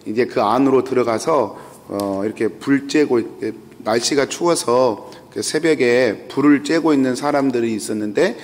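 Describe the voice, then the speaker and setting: Speaking in a mid-range, slightly mellow voice, a man serving as pastor delivers a dawn sermon that recounts the biblical scene stage by stage. Key phrases come back again and again for emphasis, echoing with the long reverb of the church hall.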